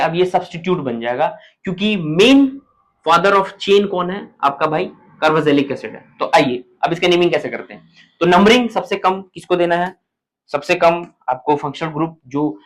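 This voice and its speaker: Male chemistry teacher, slightly high voice, walks through each step and keeps checking the class follows. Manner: colloquial, matter-of-fact explaining. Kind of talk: classroom lecture.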